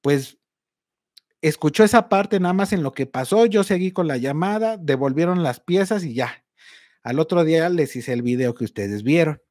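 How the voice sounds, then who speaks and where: A man's voice: fairly high pitch, expressive, normal speed, darkish tone, no echo, studio quality. A young Mexican man hosting a podcast, telling a story casually, swearing freely and acting out angry phone rants. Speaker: podcast host.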